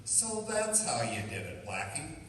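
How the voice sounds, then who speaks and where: No-nonsense police inspector, played by a man, mid-pitched, radio play, heard from off in a booming hall. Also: sing-song, unhurried, fairly bright tone. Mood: curious, grudging. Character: gruff, businesslike male police inspector. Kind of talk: old-time radio detective drama acting. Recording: echoey hall from far off, faint noise.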